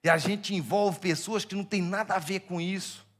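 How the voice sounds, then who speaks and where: A male pastor preaching a sermon, swinging between hushed asides and shouted emphasis and asking his congregation direct questions. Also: high voice, fairly even intonation, moderate pace.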